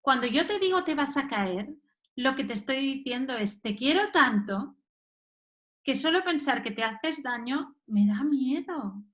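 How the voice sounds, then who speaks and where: Brief: female course instructor, high, animated pitch, coaxes the group along. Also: measured pace. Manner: reads phrases and rephrases them, coaxing participants. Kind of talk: live webinar teaching.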